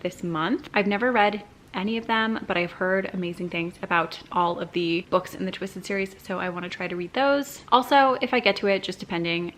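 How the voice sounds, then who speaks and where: A woman's voice: lowish voice, a bit bright, a little hiss or hum. A young woman chatting enthusiastically about books she has read, gushing and casual, as a book vlogger. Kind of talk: casual chat.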